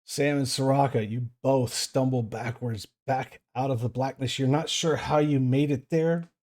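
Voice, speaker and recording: A man's voice: medium pitch, steady tone, normal speed, darkish tone. A man acting as game master, narrating a tabletop role-playing game and addressing the players.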